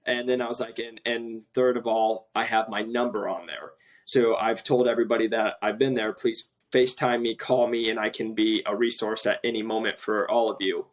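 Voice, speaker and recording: A man chatting on a remote podcast call, telling a work story in an animated way and quoting other people, a self-described passionate talker. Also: fairly low pitch, normal speed. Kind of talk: casual podcast conversation.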